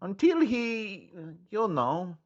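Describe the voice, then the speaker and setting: An actor in a comedic radio drama plays a cheeky, sarcastic male hairstylist being questioned by detectives as a suspect, and his mood is sassy. His high-pitched voice is very animated, slow and heavily acted, with the highs cut off.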